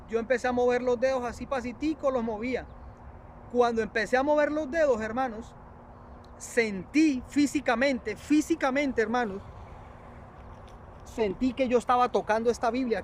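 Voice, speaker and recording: High-voiced man giving an earnest testimony. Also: slight background noise. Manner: earnest, repetitive, halting storytelling with many restarts; addresses listeners as brothers. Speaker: preacher. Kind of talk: spoken religious testimony.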